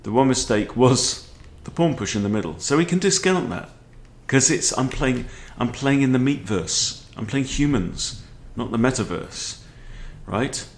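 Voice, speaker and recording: The speaker is a man in his forties hosting a chess video from a book-lined room in his home. Expressive and a little slow in a mid-range voice, he gives relaxed commentary on the game and keeps checking in with short questions.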